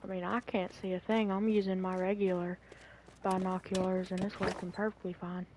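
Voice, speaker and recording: A woman's voice: on the low side, little pitch movement, a little fast, background noise. A woman chatting casually outdoors at dusk on a hunt, teasing and sarcastic. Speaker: hunting companion. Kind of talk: casual chat while hunting.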